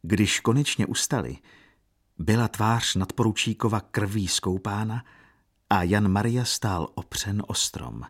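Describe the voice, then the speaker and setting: A man narrating a classic novel in a measured, expressive audiobook reading. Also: on the low side.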